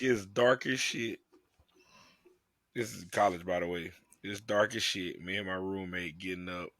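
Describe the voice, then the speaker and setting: A man co-hosting a podcast in casual sports chat, telling a story in a drawn-out way. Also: deep voice, fairly bright tone, no room sound. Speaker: podcast co-host.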